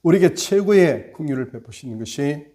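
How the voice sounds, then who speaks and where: Mellow-voiced man preaching earnestly. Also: a little high, expressive, fairly quick. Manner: earnest, swells and drops in loudness for emphasis. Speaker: pastor. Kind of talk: sermon.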